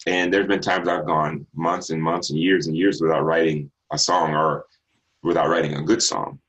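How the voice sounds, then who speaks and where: A middle-aged singer from Texas with a bass baritone voice answers interview questions as a guest, unhurried and reflective, with many ums and restarts. His delivery is flat and his tone fairly bright, and the audio sounds dull.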